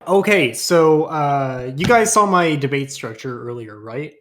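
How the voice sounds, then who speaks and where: A man's voice: fairly high pitch, animated, measured pace, a bit bright. A man casually hosting an online debate as moderator, informal and loosely organised in the way he talks.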